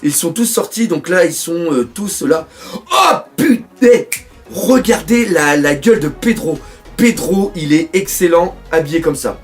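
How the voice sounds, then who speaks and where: A man from France doing live reaction commentary on a manga chapter, excitable, swearing often and reading panels aloud. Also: a little high, normal speed, faint music behind.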